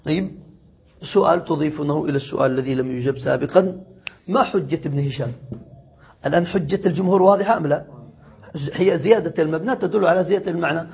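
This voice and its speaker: High, husky male grammar teacher. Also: highs cut off. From Yemen. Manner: questions the students, drawn-out words. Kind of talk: classroom grammar lesson.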